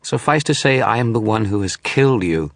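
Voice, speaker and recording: A man's voice: on the low side, animated, brisk, a bit bright, no room sound, studio quality, pitched above the performer's own voice. A man voicing the sneering, supremely confident shadow phantom of an unseen sorcerer in an audiobook. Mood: gloating. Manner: cold, gloating, scornful. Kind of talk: audiobook narration.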